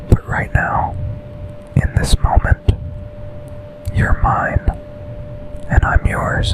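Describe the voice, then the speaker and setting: The rough recording captures a man, his voice close to how he normally talks, whispering as a possessive but tender office boss in an ASMR boyfriend roleplay. His short, breathy, deliberate phrases carry longing and possessiveness.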